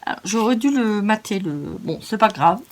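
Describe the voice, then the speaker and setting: A woman's voice: mid-range voice, animated, moderate pace, a little hiss or hum. A French-speaking woman hosting a crafting tutorial, chatty and self-mocking as she narrates each step. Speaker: craft video host.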